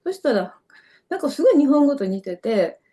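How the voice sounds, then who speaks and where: A very animated, mellow voice that sits high and moves fairly quickly belongs to a middle-aged dancer from Kyoto, Japan, who speaks with a Kansai accent. In a casual interview as a guest, she tells long, winding stories full of fillers.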